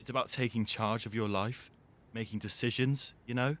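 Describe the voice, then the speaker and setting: In a noisy amateur audio drama with environmental rumble, a young man plays an earnest, troubled teenage lad weighed down by growing up. Lightly acted, his steady, slightly bright voice moves at a moderate pace, reflective and reproving.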